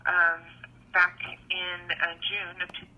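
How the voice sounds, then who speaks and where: A woman's voice: lowish voice, monotone, takes it slowly, slight background noise. Woman detective leaving a lo-fi voicemail. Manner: formal, procedural, hesitant with fillers. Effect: voicemail message played back. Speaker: police detective. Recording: lo-fi telephone voicemail recording.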